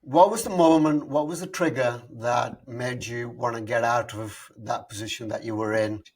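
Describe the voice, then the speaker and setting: A man hosting a podcast, reading an upbeat scripted intro and then chatting casually with his guest, filling pauses with "uh.". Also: mid-range voice, fairly even intonation, darkish tone, slightly rough. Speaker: podcast host.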